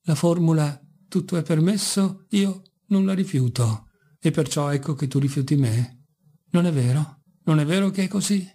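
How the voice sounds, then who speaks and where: A man's voice: a little high, moderate pace, dark tone, slightly rough. A man voicing a mocking, brooding young intellectual in an audiobook, speaking with bitter irony. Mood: ironic. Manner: ironic, bitter, sometimes passionate.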